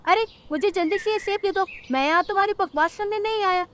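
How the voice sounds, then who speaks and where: Woman doing a super high squeaky little crow boy, bossy and rude, cartoon bully. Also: fast talker, fairly bright tone, a little hiss or hum. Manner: rude and boastful. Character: brash bullying young male crow.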